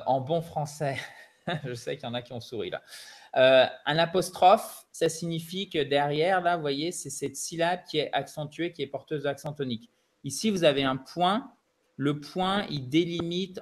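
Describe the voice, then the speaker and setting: A man's voice: fairly high pitch, a little slow. A man with a French accent giving a bilingual lesson, chatty and joking as he explains each step. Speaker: English teacher.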